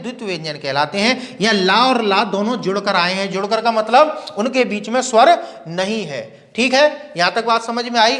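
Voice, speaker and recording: A man teaching Hindi grammar in a classroom lecture. He asks questions and answers them himself, and repeats words slowly to show their pronunciation. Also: high voice, fairly bright tone, long reverb tail.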